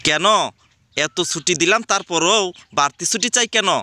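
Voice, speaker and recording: Here the same kind of stern cartoon role, an exasperated male teacher scolding pupils and exclaiming at their answers, comes at a moderate pace. The voice is medium-pitched and sharp, close to an everyday voice, on a dry recording.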